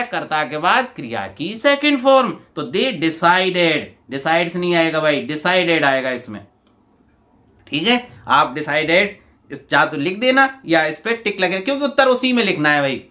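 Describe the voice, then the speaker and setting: A man teaching a grammar lesson for an exam paper, explaining step by step with many rhetorical questions and reading example sentences slowly and deliberately. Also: high voice, pushed and bright. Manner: addresses students as "bhai". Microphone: voice-over while writing on a tablet.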